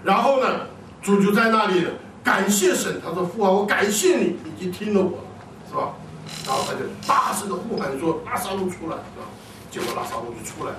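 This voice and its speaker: A man's voice: sits high, a little hiss or hum. Man preaching a sermon in an echoey hall. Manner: animated, often asks the congregation questions and answers them himself. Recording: echoey hall, distant mic.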